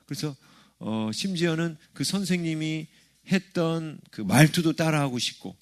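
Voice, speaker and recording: A middle-aged man preaches a sermon in a church in a friendly, talky way. His voice sits a little high for a man, and he keeps asking the congregation short rhetorical questions. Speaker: pastor. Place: church sanctuary.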